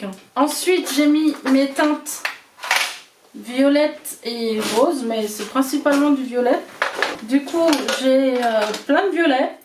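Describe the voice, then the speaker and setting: A woman's voice: high-pitched, distant mic. A woman with an Alsatian accent chatting casually as a beauty vlogger, hesitating often with fillers, in a small room at home. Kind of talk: casual chat showing makeup. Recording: roomy echo, away from the mic, noisy.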